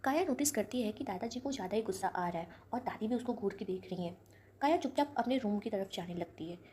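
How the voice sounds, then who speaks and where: A woman narrating a romantic storybook with expressive, dramatic delivery. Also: medium pitch, quick pace, slight background noise.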